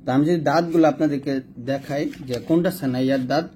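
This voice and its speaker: A man teaching Quran recitation step by step, slowly sounding out Arabic letters and explaining how each is pronounced while pointing at a diagram. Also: a little high, steady tone, warm tone, a little hiss or hum.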